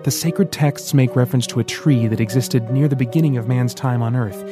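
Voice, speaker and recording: A man voicing Rand, a calm mentor who explains secrets in measured, mysterious tones, in an audiobook. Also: mid-range voice, music in the background, close to an everyday voice.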